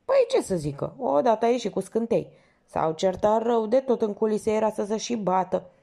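A chatty, obsequious old theater porter, put on by a woman reading a storybook, with a raised, lively voice that leaps about. His tone stays gravelly and warm as he fawns and exclaims. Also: medium pitch, pitched above the performer's own voice. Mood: gossipy. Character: fawning chatty older male theater porter.

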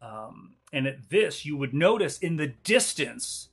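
A man narrating an online tabletop game as game master in a hesitant, halting way. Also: on the high side, very animated, slightly rough.

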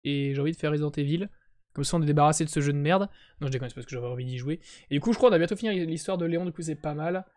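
A man's voice: on the high side, very fast, darkish tone. Joking young French man streamer. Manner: joking, greets chat viewers, self-mocking. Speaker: Twitch streamer. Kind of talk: casual live-stream chat.

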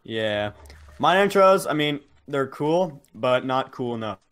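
Playful, lively young man gamer. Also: mid-range voice, a little slow. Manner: playful, squeals excitedly over small things. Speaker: co-player. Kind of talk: casual gameplay chat.

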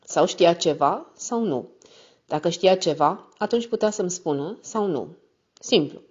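A woman reading a novel aloud as a steady, measured first-person narrator. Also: on the low side, breathy edge. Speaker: audiobook narrator. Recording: slightly muffled recording.

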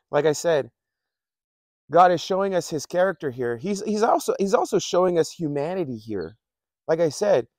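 A man's voice: a little high, a little mellow, dry recording, studio quality. A man preaching a casual, conversational sermon, often repeating himself and chuckling between points. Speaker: pastor.

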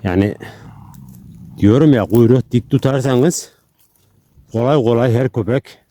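A man, filming outdoors on a handheld camera, coaxing and calming street dogs and chatting casually to his viewers. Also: medium pitch, unhurried, no room sound. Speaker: street dog vlogger. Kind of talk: casual vlog commentary to viewers.

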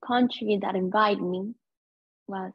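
A woman, talking slowly and earnestly in an interview, often stopping and searching for words. The recording is dry and a little dull. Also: mid-range voice, fairly even intonation, husky, dry recording. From Cuba. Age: 30s. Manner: earnest, halting non-native English with many fillers. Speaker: guest. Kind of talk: personal storytelling interview.

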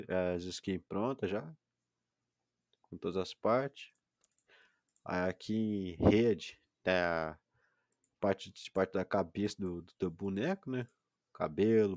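Man, low pitch, dry close sound, patient casual streamer explaining step by step. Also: a little mellow, no echo. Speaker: gaming livestreamer. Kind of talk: casual gaming stream chat.

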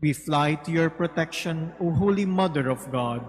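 A man leading a formal recited prayer in a solemn, deliberate manner. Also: fairly high pitch. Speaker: prayer leader. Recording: clear background hum and noise.

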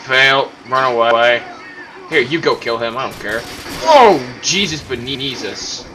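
A man giving casual, self-mocking commentary over his own gameplay, prone to excitable outbursts. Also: medium pitch, unhurried, slight background noise. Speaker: gaming commentator.

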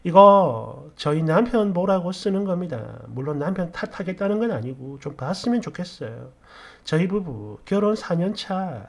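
A man's voice: high voice, a little mellow. A man narrating a first-person story, indignant and complaining, asking rhetorical questions.

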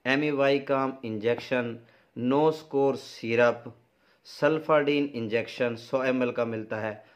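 Here a farming advice presenter, a middle-aged man with a Pakistani accent, talks slowly in a mid-range voice with fairly even intonation. His informal, practical explanation to camera comes through in dull, lo-fi sound.

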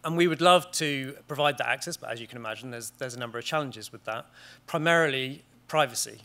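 This is a conference presentation by a British man in his thirties, speaking in a large auditorium lined with wood panels. His voice is mid-range, bright and clear. His delivery is measured, broken often by ums and restarted sentences.

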